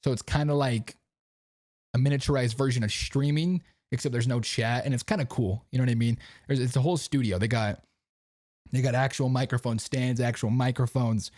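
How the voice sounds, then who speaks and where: A man's voice: medium pitch, fairly even intonation, fairly quick, darkish tone, no echo, clean studio sound. A young man hosting his own podcast, talking casually and rambling in slang, often asking "you know what I mean". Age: young adult. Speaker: podcast host. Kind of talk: casual chat. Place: home recording setup.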